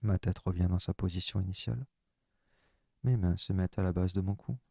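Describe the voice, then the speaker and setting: Very low, calm man guiding relaxation. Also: vocal fry, breathy edge, dry recording, clean studio sound. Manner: slow, soft, calm first-person instructions. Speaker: relaxation guide. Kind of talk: guided sophrology relaxation.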